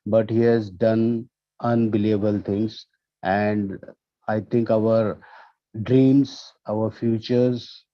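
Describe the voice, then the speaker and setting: Caller: low, monotone man, slow and hesitant, dull lo-fi dry line. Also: no room sound. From India. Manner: hesitant, many uh fillers. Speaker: webinar caller. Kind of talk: call-in remarks. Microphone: video call. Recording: dull lo-fi dry call audio.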